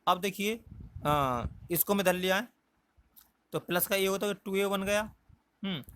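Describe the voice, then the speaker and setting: A male maths teacher works through a circle problem on the board step by step, asking rhetorical questions and pausing with thinking fillers. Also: high-pitched, fairly bright tone, slight background noise. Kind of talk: whiteboard maths lesson.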